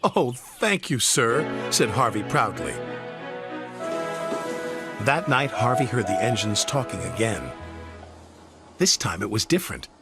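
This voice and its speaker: Expressive male storybook narrator. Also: lowish voice, a little slow, pauses often. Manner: expressive read-aloud. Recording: music playing behind.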